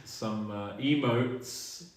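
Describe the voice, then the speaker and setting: A man's voice: mid-range voice, drawn-out words. A man co-hosting a live stream, chatting casually and thanking viewers one by one, his voice ringing in a big hall echo. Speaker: streamer co-host. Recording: very echoey room.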